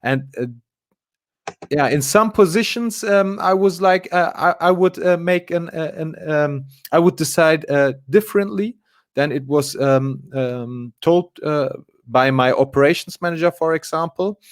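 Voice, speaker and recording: A man's voice: a little high, unhurried, no echo, clean studio sound. A man, a guest in a casual live interview, talking with many fillers and restarts. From Germany. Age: 20s.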